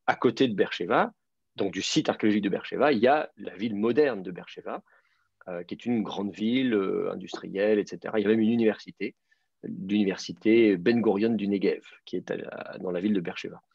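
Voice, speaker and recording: A man's voice: lowish voice, brisk, creaky, darkish tone, breathy edge, dry recording. A man teaching a beginners' class online, explaining at length with many fillers and restarts. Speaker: teacher of biblical Hebrew. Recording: dull, dry lo-fi sound.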